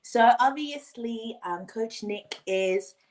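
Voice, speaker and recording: A woman in her twenties with a New Zealand accent, co-hosting a live podcast in a bubbly, excited way. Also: fairly high pitch, slow pace. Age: 20s. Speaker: podcast co-host.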